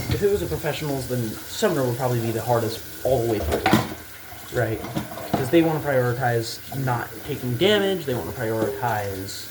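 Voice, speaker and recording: Rambling man over clear background noise. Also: medium pitch. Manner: casual, rambling, hesitant thinking aloud. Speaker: gaming video maker. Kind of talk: rambling unscripted game commentary.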